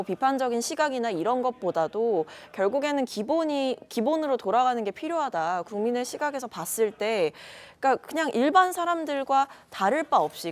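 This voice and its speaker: A woman speaks as a panelist on a political talk program. She talks in a measured, hedged way and strings long chains of reasoning together. Her voice sits a little high. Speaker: political commentator. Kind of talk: panel discussion commentary.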